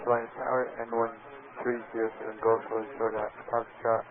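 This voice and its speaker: A man's voice: medium pitch, completely flat delivery, a little fast. A man flying a small plane, answering the tower in a hesitant, apologetic way over a radio transmission with static bursts. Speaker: pilot. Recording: tinny radio line with static.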